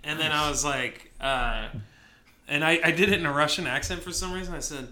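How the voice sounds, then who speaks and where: A man's voice: a little high, fairly quick, bright, forceful tone, slight background noise. A man co-hosting a podcast in a bar, telling stories in a chatty way and laughing often, with a sore throat. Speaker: podcast co-host. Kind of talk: casual chat.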